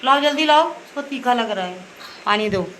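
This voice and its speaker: This woman, a mother and vlogger, chats with viewers ("guys") in a casual home video shot on her phone indoors while caring for her children. Her pitch is on the high side, her delivery expressive at normal speed, the tone fairly bright, with slight background noise.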